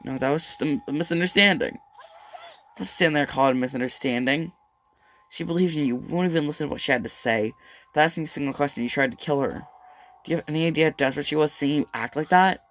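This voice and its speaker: A man's voice: a little high, fast, a bit bright. Man voicing a distraught young woman. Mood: accusing. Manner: pleading, raised and urgent. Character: emotional young woman, hot-headed and loyal. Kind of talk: manga read-aloud on stream.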